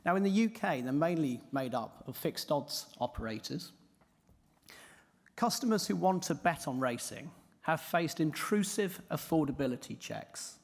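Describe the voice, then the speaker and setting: A man with a hoarse, croaky voice giving a prepared conference presentation. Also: fairly high pitch, expressive, normal speed. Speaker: conference speaker. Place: large echoing indoor hall. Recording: reverberant hall.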